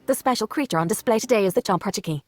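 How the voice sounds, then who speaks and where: A dutiful helper robot in a text adventure, stating things plainly and quickly, as a woman reads its lines. Faint music plays behind. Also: mid-range voice, lively intonation, natural voice. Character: polite helper robot in a game.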